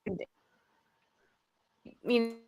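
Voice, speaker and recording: A woman's voice: darkish tone, no echo. A woman speaking over a video call whose audio keeps breaking up, her words chopped off mid-sentence. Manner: halting, broken-off words. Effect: choppy video-call audio cutting out mid-sentence.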